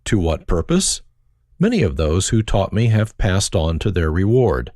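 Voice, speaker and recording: Older man with a German accent, deep voice. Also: very animated, a little slow, darkish tone, no room sound. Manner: reflective, dry wit. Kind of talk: autobiographical narration.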